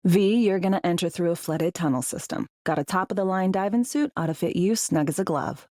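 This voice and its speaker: Clipped, slangy and sardonic, this woman's lines belong to a brash, foul-mouthed, world-weary female spy, an undercover field agent in a sci-fi video game, with a brisk, businesslike mood. Her fairly low, warm voice runs a little fast and sounds natural, in a clean studio recording without echo.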